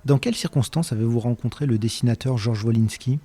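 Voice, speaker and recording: A man's voice: mid-range voice, fast talker, warm tone, husky. A man reading out interview questions fluently.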